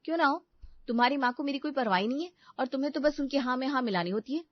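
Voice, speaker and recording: A woman voicing an overworked young wife in an animated family story, complaining and sarcastic. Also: high voice, fast talker, dry recording. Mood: indignant. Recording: dry, slightly dull studio recording.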